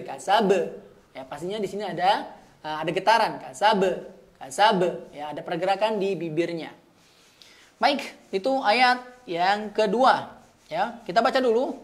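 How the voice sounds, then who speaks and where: A man teaching Quran recitation, patiently repeating sounds and checking in with "ya" after each point. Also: high-pitched. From Indonesia. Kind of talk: slow step-by-step recitation lesson.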